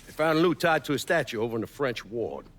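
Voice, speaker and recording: An actor playing a blunt, coarse crime boss in a game scene, talking matter-of-factly. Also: male voice, mid-range voice, lively intonation, fast, fairly bright tone. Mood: cold. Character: gruff older male mob boss, blunt.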